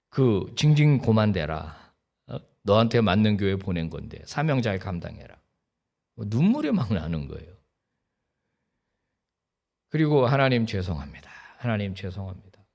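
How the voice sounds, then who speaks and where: A man's voice: on the low side, a little mellow. A middle-aged man, a pastor preaching a sermon in a church, telling a personal story and acting out the quoted voices with bursts of emotion. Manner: storytelling with acted-out quotes, rising to emotional outbursts. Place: church sanctuary.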